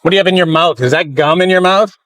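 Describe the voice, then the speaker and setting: Fast, sarcastic man arguing. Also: high-pitched, fairly bright tone, dry recording, recorded from a distance. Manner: taunting, combative, sarcastic. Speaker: auditor filming police. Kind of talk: confrontational street argument. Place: outdoors on a street. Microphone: handheld camera.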